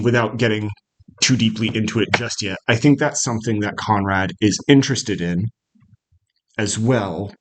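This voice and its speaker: A literature instructor gives a casual lecture to a small seminar in a small classroom, speaking hesitantly with many fillers and frequent "right?" check-ins. His fairly low voice is a little rough and cracking because he's slightly unwell and coming down with something. The audio quality is poor.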